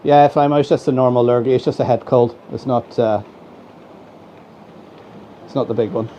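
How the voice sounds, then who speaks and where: Speaking from a model railway room at home, this Irish streamer has a head cold that makes him sound stuffy as he casually chats and welcomes viewers by name. His mid-range voice keeps fairly even intonation and a moderate pace, and the slightly lo-fi home mic is dull with faint noise.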